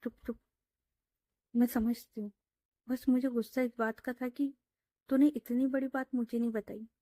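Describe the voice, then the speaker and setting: A woman voicing Vidhi, an affectionate young woman who comforts and coaxes her friend with gentle questions. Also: on the high side, steady tone, normal speed, no echo, lightly acted. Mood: soothing. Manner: comforting, coaxing with tag questions.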